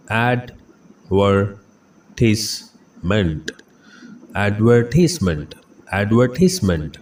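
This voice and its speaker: A man teaching English vocabulary, saying each word slowly and repeating it several times. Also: medium pitch, darkish tone. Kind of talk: pronunciation lesson. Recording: slightly distant mic with faint background noise.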